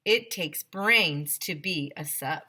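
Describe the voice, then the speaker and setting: A woman with a deep voice reads a children's book aloud as a teacher for her class. She tells it deliberately, with plenty of expression.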